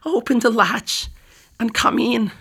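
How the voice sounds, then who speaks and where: A sly, cunning wolf , as a storyteller puts him on, squeaking out a high, quivery granny impression for a storybook. The voice sounds breathy and soft, with lines drawn out slowly. A low growl breaks through now and then. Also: heavily acted. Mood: sly, sweet. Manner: high quivery old-lady imitation; growls at the end. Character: big bad wolf disguised as a grandmother, cunning. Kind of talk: storybook read-aloud.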